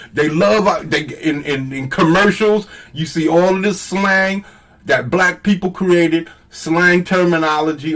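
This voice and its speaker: A man on a live stream speaks to his viewers in a slightly raised voice. He talks slowly and emphatically, repeating lines to drive each point home with a preachy edge. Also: high-pitched. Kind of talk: casual live-stream commentary.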